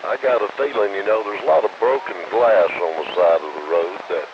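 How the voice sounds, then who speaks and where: Clear static surrounds a man's deep voice on a crackly walkie-talkie style link. He chats casually, like an operator passing along updates. The sound is dull and lo-fi. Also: brisk. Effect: crackly walkie-talkie style radio transmission. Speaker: amateur radio operator. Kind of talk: casual two-way radio chat.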